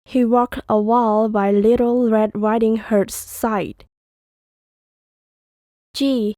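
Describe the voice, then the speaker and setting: A woman reading lettered story sentences slowly and carefully for a textbook audio, in a dry, close recording. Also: fairly high pitch, no room sound. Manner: slow, careful, even reading. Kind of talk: scripted reading.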